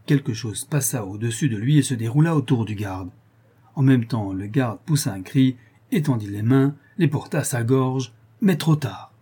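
A man reading an adventure story aloud as a narrator, in a steady storytelling manner that lifts at the dramatic turns. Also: medium pitch, normal speed, breathy edge. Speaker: audiobook narrator. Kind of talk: scripted narration.

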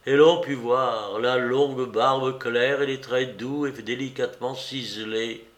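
A man narrating a classic detective story as an audiobook reader, in slow, deliberate scripted narration. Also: medium pitch, steady tone, a bit bright, reverberant.

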